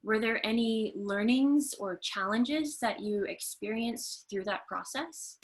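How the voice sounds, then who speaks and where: A woman's voice: a little high, takes it slowly. A woman from Canada hosting a video-call webinar interview, polite and a little hesitant with frequent fillers. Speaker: host and trainer.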